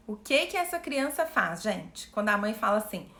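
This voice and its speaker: A woman coach speaking live to her viewers, animated, asking them questions and acting out what people say. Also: mid-range voice, normal speed, echoey room. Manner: animated, asks the audience questions, acts out quotes. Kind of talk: live-stream talk to viewers.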